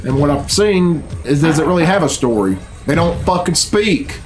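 With a fairly high-pitched, expressive voice at normal speed, a thirtysomething man reacts casually on camera, sounding blunt, sarcastic and profane. He's a reaction video host in a small bedroom at home, and the recording has a faint hiss or hum under the game cutscene music.

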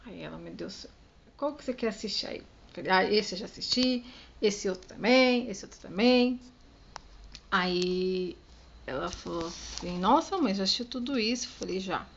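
A woman's voice: on the low side, a little slow, gravelly, lo-fi sound, a little hiss or hum. A middle-aged woman from Brazil, chatting to camera as a vlogger, acting out the voices of her family as she tells a story. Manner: chatty, acts out dialogue with her daughter and husband.

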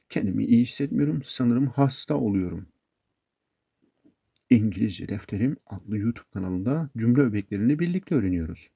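A man hosting an online English lesson. He reads example phrases slowly and repeats each one with care. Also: mid-range voice, vocal fry, husky, no echo, muffled recording. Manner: slow, deliberate, repeats example sentences. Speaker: English teacher, channel host.

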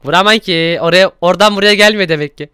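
A young man hosting Minecraft gameplay commentary, excitable and exclaiming often as he talks to viewers. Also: high voice, quick pace, heavy background noise. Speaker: gaming YouTuber host.

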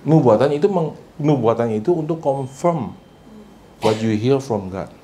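A male pastor delivers a lively sermon, his pitch leaping high and dropping low for emphasis. He switches freely between two languages and keeps prompting the congregation to answer him. Faint ambient noise hums behind him in the church. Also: a little slow. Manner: mixes Indonesian with English phrases; animated and emphatic, with big pitch swings. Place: church service before a congregation.

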